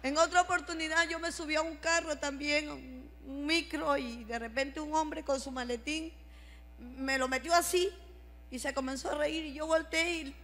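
A woman giving a fervent religious testimony, often breaking into shouts of praise. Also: sits high, long reverb tail. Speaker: church member giving testimony.

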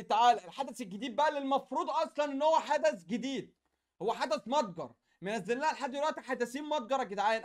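A young man with an Egyptian Arabic accent doing casual, slangy gaming commentary in an excitable, repetitive way. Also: very high voice. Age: young adult. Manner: excitable, slangy, chatty, repeats phrases. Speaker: gaming YouTuber.

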